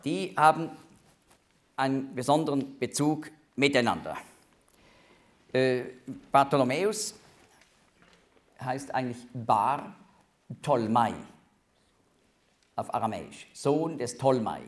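A man's voice: mid-range voice, lively intonation, a little slow, long pauses. A man teaching a Bible study, explaining names and passages with emphatic rises.

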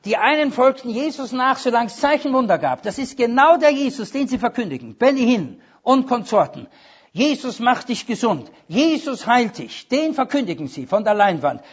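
A man's voice: high voice, breathy edge. A man preaching a sermon with emphasis, quoting scripture and dropping wry asides. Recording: dull lo-fi sermon recording.

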